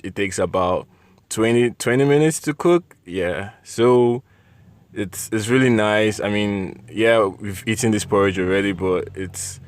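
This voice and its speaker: A man's voice: sits low, dry recording. A man giving a casual, jokey cooking voice-over in a playful, goofy way, often repeating his phrases. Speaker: cooking video narrator. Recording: loud guitar music behind voice. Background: loud plucked guitar music.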